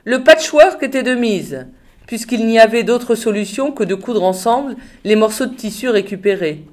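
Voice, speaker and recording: A woman reading a novel aloud in a steady, measured way. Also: a little high. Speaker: reader of a novel.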